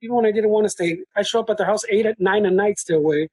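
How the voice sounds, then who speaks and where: A man's voice: high voice, quick pace, dark tone, breathy edge, no room sound, rough recording. A man co-hosting a podcast, trading brash, slangy banter full of swearing and switching between English and Spanish. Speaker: podcast co-host.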